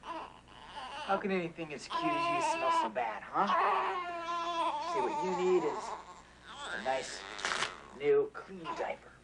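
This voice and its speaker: A man's voice: sits high, huge pitch swings, takes it slowly, long pauses, exaggerated voice. A teenage actor playing an overwhelmed boy who has become a young father, pleading and near tears, in a 1980s TV drama. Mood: frantic. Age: teens. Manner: pleading, then frantic and near tears with a crying baby. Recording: noisy old TV broadcast audio.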